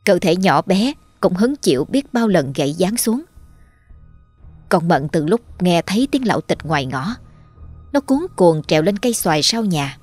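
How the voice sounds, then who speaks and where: A woman narrating a dark ghost story dramatically, voicing all the characters herself. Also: on the low side, sing-song, normal speed, soft background music.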